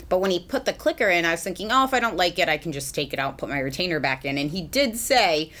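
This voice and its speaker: A fast-talking, animated young adult woman with a fairly low pitch and fairly bright tone chats her way through a makeup routine. The Massachusetts beauty vlogger keeps it a casual get-ready-with-me ramble, heavy on ums and likes.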